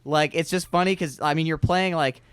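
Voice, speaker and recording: A man's voice: fairly high pitch, fairly even intonation, a little fast. A man chatting casually on a podcast, telling stories in informal, slangy speech. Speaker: podcast participant, musician.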